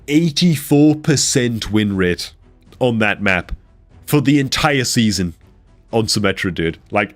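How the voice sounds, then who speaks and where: Congested and slightly rough from a cold, a man's medium-pitched, somewhat bright voice carries a relaxed live-stream chat over a game, full of "dude" and "man."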